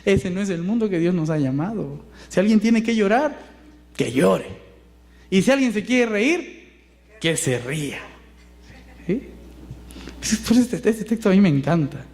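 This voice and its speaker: Un pastor mexicano con acento mexicano que predica un sermón en tono conversacional, imitando voces citadas y lanzando preguntas retóricas. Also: male voice, sits high, lively intonation, a little slow, long pauses, a little mellow. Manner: conversational, acts out quoted voices, asks rhetorical questions. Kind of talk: sermon.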